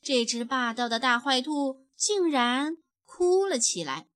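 Bright, slow-reading woman storyteller. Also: high-pitched, no echo, studio quality. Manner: gentle, expressive, drops softly at sentence ends. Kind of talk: picture-book read-aloud.

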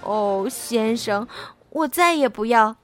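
A woman's voice: high-pitched, expressive, normal speed, soft background music. A woman voicing a weak, frightened male lizard servant who is close to tears and speaks faintly and shakily. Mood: weak, shaken. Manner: faint, shaky and hesitant. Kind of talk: storybook reading.

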